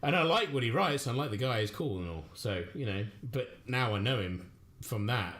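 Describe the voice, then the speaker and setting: A man's voice: medium pitch, expressive, normal speed, fairly bright tone. A man hosting a casual talk, earnest and repeating his points. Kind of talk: casual chat.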